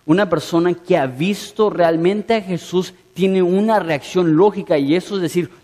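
A man's voice: high voice, moderate pace, dark tone. A man preaching a sermon in an earnest way, asking his listeners direct questions. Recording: long hall reverb.

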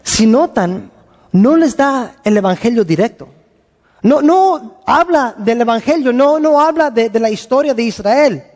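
A man preaching, his voice sitting unusually high for a man. He reads scripture and acts out the people he quotes with lively energy. A long reverb trails each phrase, as in a church hall. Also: measured pace. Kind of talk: sermon with Bible reading.

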